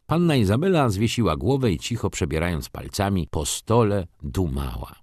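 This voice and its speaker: A man reading narration of a classic novel in a measured, expressive way. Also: low-pitched, dry recording, studio quality. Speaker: audiobook narrator.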